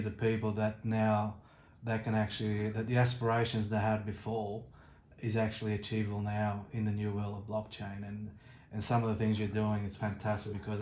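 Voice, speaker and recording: A man's voice: lowish voice, a little mellow. A man hosting a casual community call, rambling and repeating words as he praises a guest. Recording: echoey room with faint noise.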